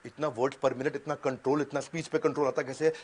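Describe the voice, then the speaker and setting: A man coaching an audience in an energetic motivational seminar, talking in quick punchy bursts and sudden pauses, dropping English catchphrases in. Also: medium pitch, slightly rough. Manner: mixes English catchphrases into Hindi. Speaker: business coach.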